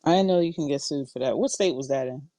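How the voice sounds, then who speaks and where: Low voiced woman cohost, dry sound, lots of "mm-hmm, okay". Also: fast talker, mellow, no room sound. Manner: short reactive interjections, wry. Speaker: podcast co-host. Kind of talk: casual chat.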